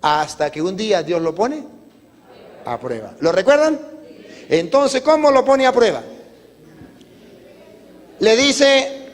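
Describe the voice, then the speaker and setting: A man's voice: sits high, slow pace, long pauses. A man giving a parish catechesis talk, telling the story with acted-out voices. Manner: animated storytelling, acting out voices. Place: parish retreat hall. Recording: reverberant hall.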